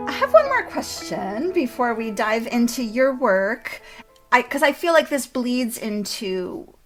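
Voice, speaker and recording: Unhurried woman interviewer, mid-range voice. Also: a little high, big pitch swings, music in the background. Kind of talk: conversational literary interview.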